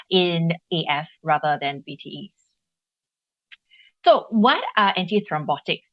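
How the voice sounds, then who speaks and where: A woman's voice: low voice, no echo. A woman giving an upbeat, explanatory webinar lecture over a video call. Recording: dull lo-fi webinar audio.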